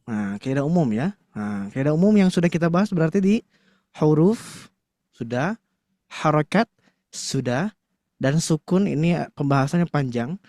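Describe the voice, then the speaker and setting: A man's voice: a little high, expressive, moderate pace, pauses often, darkish tone, dry recording, clean studio sound. A man teaching a Quran recitation class to a live audience, chatty and full of fillers, often stopping to quiz the room. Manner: conversational, filler-heavy with frequent "nah", quizzes the audience.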